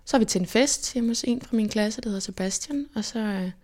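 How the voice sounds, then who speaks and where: A young woman from Denmark, telling stories from her life as an interview guest in a lively way and acting out what people said. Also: on the high side. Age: young adult. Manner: lively, animated retelling with quoted inner speech. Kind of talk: casual personal storytelling.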